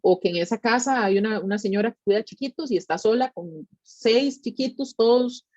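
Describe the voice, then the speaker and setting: A woman's voice: fairly high pitch, brisk, darkish tone, dry recording, muffled recording. A woman with a Costa Rican Spanish accent giving an explanatory educational talk in a conversational way, often checking in with short tag questions. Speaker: tsunami monitoring specialist giving a public talk.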